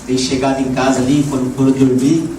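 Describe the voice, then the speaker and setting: A slightly hoarse man preaching a lively sermon to a congregation, often asking "né?" and rising into shouts. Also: medium pitch, brisk. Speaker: evangelist preacher. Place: church hall. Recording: echoey church room, voice from far off, background noise.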